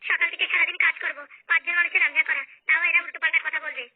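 A woman playing a quarrelsome young wife in a comic audio skit, bickering rapidly. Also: very high-pitched, little pitch movement, no room sound. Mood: aggrieved. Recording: tinny phone-like audio.

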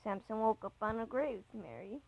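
A woman's voice: a little high, lively intonation, moderate pace, lo-fi sound. A woman reading a chat story aloud, voicing an anxious young man who hesitates and stumbles over his words.

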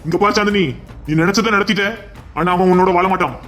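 Resigned older father for a cartoon, a man voicing him, low and subdued. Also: fairly even intonation, quick pace, fairly bright tone. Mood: reproachful. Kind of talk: Tamil cartoon voice acting.

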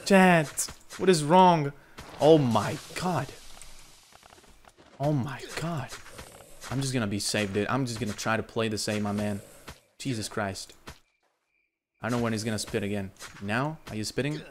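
A young man comments on his gameplay live, chatting to his viewers through a headset mic. He talks in a casual, excitable way and often bursts out loudly, with a faint hiss of noise behind him. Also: medium pitch, measured pace, long pauses. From Lithuania. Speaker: gaming streamer.

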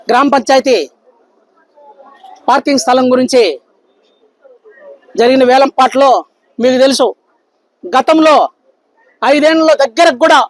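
A man's voice: very high-pitched, no room sound, low-quality recording. A man speaking as a local politician to the press, emphatic and repetitive. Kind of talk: press statement.

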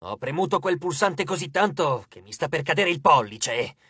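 Man doing a grumbling titan guard, curt, complaining, shouts, slightly raised voice, audiobook, dry. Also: on the high side, animated, moderate pace, husky, dry recording. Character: grumbling, put-upon male Titan guarding a lift.

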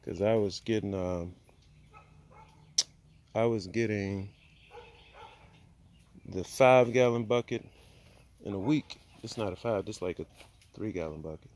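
A man with a low, darkish voice speaks unhurriedly and pauses often while touring his homestead outdoors near the chicken coops. The casual vlog is shot on a handheld phone, and he thinks aloud with lots of fillers.

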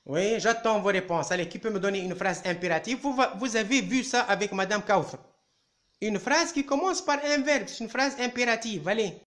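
A man teaching a live online French lesson at a chalkboard. He speaks slowly and patiently and keeps coaxing his pupils to answer. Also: sits high, a bit bright. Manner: slow, patient, coaxing, repeats "allez" to prompt pupils. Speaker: primary school French teacher. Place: indoor room at a chalkboard. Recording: roomy echoey room sound.

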